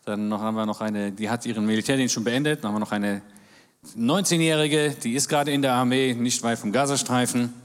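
This man in his forties, originally from Germany, speaks at a quick pace with a medium pitch and fairly even intonation. As a guest speaker in a big church hall, he keeps things jovial with jokes and amens, captured in a reverberant recording.

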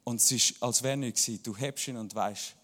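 A man's voice: medium pitch, fairly quick, bright, forceful tone. A man in his thirties with a Swiss German accent, preaching a church sermon full of personal anecdotes and humor. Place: church hall. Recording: long hall reverb.

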